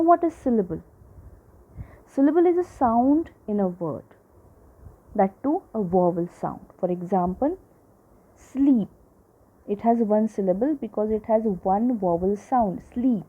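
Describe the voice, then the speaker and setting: A woman teaching a lesson to children, slowly repeating each example and checking in with her listeners. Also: medium pitch, husky. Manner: slow, repeats examples, checks in with "right?" and "okay?". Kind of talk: classroom lecture. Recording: tinny phone-like audio.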